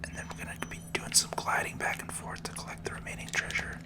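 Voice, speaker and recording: Someone whispers calm, unhurried ASMR commentary over a video game playthrough, their soft, breathy voice gently explaining what's happening while game music plays behind the whisper.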